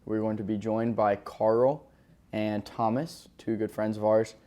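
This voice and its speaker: Brief: young male podcast co-host, low voice, relaxed and upbeat, quick to laugh. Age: 20s. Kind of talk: casual chat. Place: indoor room, filmed by a cameraman.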